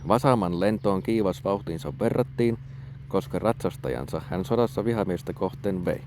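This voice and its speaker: Low-voiced Finnish man reading a fairy tale. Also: a little mellow, slight background noise. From Finland. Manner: measured, old-fashioned storybook reading. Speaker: storyteller.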